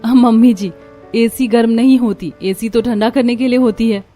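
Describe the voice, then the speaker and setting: A woman's voice: fairly high pitch, fairly even intonation, normal speed, dark tone, soft background music, lightly acted. A woman voicing a carefree young daughter-in-law in a cartoon, breezy and sometimes pleading. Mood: polite. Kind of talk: cartoon voice acting.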